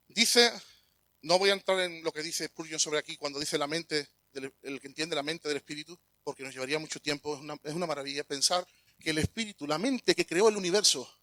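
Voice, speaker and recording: A man's voice: on the high side, bright, forceful tone, no echo. A man preaching a sermon in an earnest voice that turns emphatic when he quotes, reading aloud and then explaining. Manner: earnest, rises to emphatic bursts when quoting.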